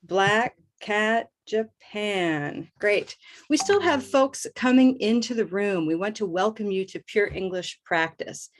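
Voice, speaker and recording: Upbeat middle-aged American woman, online pronunciation teacher, slow repetitive drilling. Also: mid-range voice, lively intonation. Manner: upbeat, drills words by repeating them slowly. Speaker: host and English pronunciation teacher. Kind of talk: live online pronunciation lesson.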